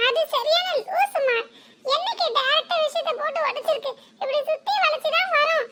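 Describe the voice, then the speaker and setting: A woman voicing a shrill sharp-tongued cartoon sister. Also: normal speed. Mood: exasperated. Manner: snaps and scolds her sister with insults. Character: sharp-tongued young sister defending her mother. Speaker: younger sister in the family. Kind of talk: cartoon serial voice acting.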